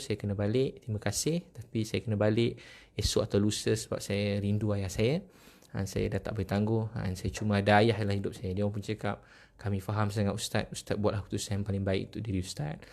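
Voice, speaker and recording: Emotional Malaysian Malay preacher, low voice. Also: male voice, darkish tone. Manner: emotional, repetitive, asks the audience questions. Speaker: religious preacher. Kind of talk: storytelling religious talk.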